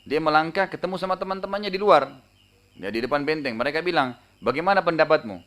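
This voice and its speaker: Fast-talking male preacher telling a story. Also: on the high side. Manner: conversational, frequent tag fillers; animated retelling, raising voice for dramatic moments. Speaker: Islamic preacher. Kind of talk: storytelling sermon.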